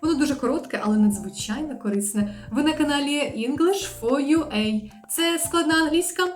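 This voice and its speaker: A woman from Ukraine teaching an English pronunciation lesson, drilling sounds slowly and carefully. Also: sits high, lively intonation. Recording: roomy with faint music.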